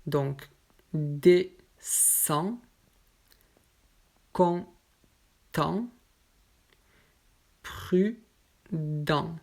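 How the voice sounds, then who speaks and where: Woman, low voice, slow pace, patient language teacher, careful pronunciation. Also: a little mellow. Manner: patient, pronounces example words slowly and carefully. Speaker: French teacher. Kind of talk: slow explanatory lesson.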